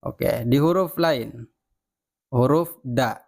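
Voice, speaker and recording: A man teaches Quran recitation rules at an unhurried pace. He is patient and repeats each example word slowly. His voice sits in a plain middle pitch. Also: darkish tone. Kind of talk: slow step-by-step tajwid lesson.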